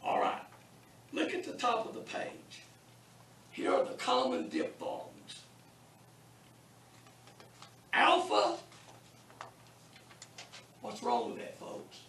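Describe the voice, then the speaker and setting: A man lectures a classroom in a very high, wildly swooping voice, drawing out each sound slowly as he drills his students. He repeats himself on purpose and teases the class now and then. The recording is echoey and distant, as if taped from the back of the room, with a faint hiss underneath. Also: wildly swooping pitch, fairly bright tone. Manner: slow deliberate drilling with repetition; wry, teasing humor with students. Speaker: Bible college Greek teacher. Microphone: distant room mic.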